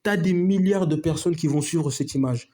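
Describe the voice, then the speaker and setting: A video host with a somewhat high, warm voice talks at a moderate pace, offering his viewers a casual opinion monologue. He's emphatic and repeats himself, throwing in plenty of slang and asides to his friends.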